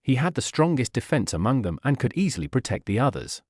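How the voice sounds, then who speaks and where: A man reading a fantasy light novel aloud as audiobook narrator, in a steady storytelling manner. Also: mid-range voice, fast, breathy edge, no echo, clean studio sound. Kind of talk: scripted narration.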